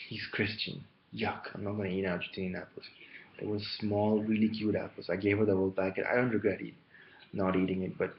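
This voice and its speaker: Gravelly man rambling on a lo-fi recording. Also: sits low. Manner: meandering, jumping between topics. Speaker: vlogger. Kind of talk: rambling solo monologue. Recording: muffled lo-fi with faint hiss.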